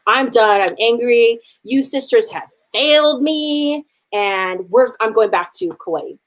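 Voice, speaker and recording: A woman's voice: fairly high pitch, expressive, slow, voice pushed up, low-quality recording. Lady doing an impatient young chief guy, proud, talks casual and modern. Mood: annoyed. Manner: casual, modern slangy speech.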